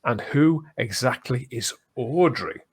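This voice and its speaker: A man hosts a casual fan podcast in a medium-pitched, lively, slightly rough voice, taking his time. He talks conversationally, often rephrasing himself and checking whether others agree.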